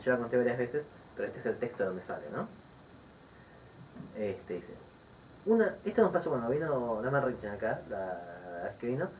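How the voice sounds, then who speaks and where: A Buddhist teacher with a Rioplatense Spanish accent, giving a Dharma teaching full of stories and asides. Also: mid-range voice. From Argentina. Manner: lively storytelling with asides and laughter. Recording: distant dull recording with faint background noise.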